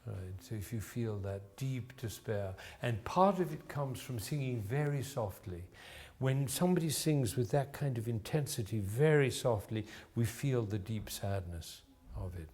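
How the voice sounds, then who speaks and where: With an audience in the room, this man runs a voice masterclass, coaching a singer live. He is encouraging and explanatory, demonstrating sounds and phrases along the way. His medium-pitched voice is expressive and a little mellow, measured in pace with few pauses.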